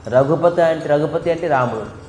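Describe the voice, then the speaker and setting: A man's voice: medium pitch, fairly even intonation, normal speed, darkish tone. A man preaching a devotional storytelling sermon, asking and answering his own questions and imitating animal calls. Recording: echoey hall with faint music.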